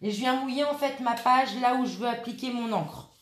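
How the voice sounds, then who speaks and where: A woman's voice: on the high side, brisk, echoey room, slight background noise. A woman hosting a scrapbooking tutorial, talking casually and hesitantly with many fillers while she works at her craft table. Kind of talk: casual step-by-step craft demonstration.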